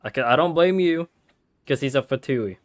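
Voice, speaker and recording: A woman's voice: a bass voice, lively intonation, moderate pace, a little hiss or hum. A woman giving casual game commentary, tossing in joking, slangy reactions. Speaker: gameplay streamer.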